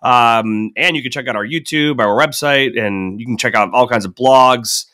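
A man hosting a podcast in a relaxed, chatty way, his voice nasal and stuffy from a cold. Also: mid-range voice, moderate pace, clear, resonant tone. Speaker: podcast host. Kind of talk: casual podcast chat.

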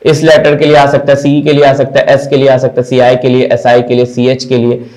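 A man teaching English pronunciation in Hindi, slowly repeating each word to drill the sounds. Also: medium pitch, completely flat delivery, a little mellow, poor audio.

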